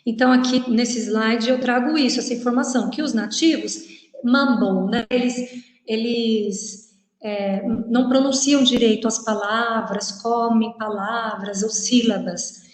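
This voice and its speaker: A woman with a slightly high voice gives an informal lecture with slides, chatting with her students. She often checks in with them and acts out what people say. The room rings with a long reverb. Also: steady tone, measured pace. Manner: chatty, frequent "né?" tags, acts out quoted speech. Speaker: teacher giving a presentation.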